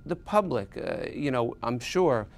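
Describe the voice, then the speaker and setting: A man in his fifties interviewing a guest in a studio, often halting and repeating words as he starts his questions. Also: mid-range voice, very animated, vocal fry. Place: small studio set with armchairs.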